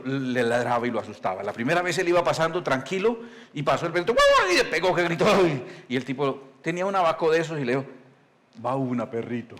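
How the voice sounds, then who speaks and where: A male pastor, preaching in a conversational storytelling style, asking the congregation questions and reading scripture slowly. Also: mid-range voice. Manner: reads scripture slowly and deliberately. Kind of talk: sermon.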